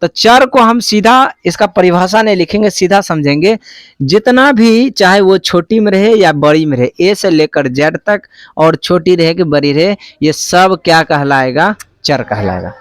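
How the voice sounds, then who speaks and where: A male teacher with a high-sitting voice leads a classroom math lesson at an unhurried pace, his intonation lively. He quizzes students through call-and-response, asking questions again and repeating their answers. The studio sound is clean, with no echo.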